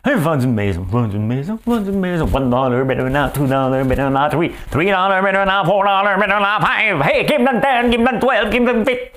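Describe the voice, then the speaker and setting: A man's voice: sits high, lively intonation, pitched above the performer's own voice. A man with a Quebec French accent voicing a boastful male real estate broker who chants like an auctioneer. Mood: hyped. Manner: rapid chanting auction patter, shouty.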